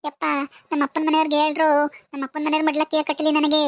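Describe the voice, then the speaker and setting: A woman's voice: high voice, monotone, rapid-fire, a little hiss or hum, close to an everyday voice. A woman voicing a wailing old village widow. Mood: grieving. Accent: rural Malnad Kannada. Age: older. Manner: wailing lament, repeating phrases. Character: grieving elderly village widow. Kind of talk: animated cartoon voice acting.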